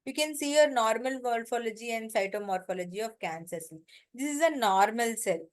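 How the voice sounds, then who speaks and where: A woman's voice: on the high side, animated, fairly quick. A woman with an Indian accent giving an informal lecture, explaining step by step and often checking that students follow.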